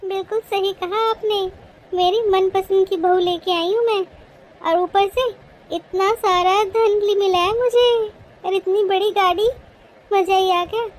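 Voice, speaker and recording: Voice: extremely high pitch, fairly even intonation, measured pace. A voice actor playing a greedy, domineering middle-aged mother-in-law in a cartoon, scolding and boasting sharply. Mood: gloating.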